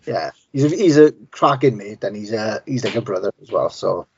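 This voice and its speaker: A man's voice: fairly low pitch, animated, a little fast, crowd noise. A middle-aged man on a podcast, chatting casually and laughing often. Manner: laid-back, swears casually, laughs often. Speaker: podcast co-host. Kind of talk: casual chat. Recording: dull lo-fi sound.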